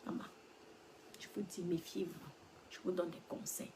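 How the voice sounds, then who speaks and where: Woman, live-stream monologue, lecturing, loud then whispered, faint noise behind. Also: on the low side, flat delivery, moderate pace. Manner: swings between loud exclamations and hushed whispers; addresses listeners as girlfriends, lecturing tone. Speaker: live-stream host advising followers.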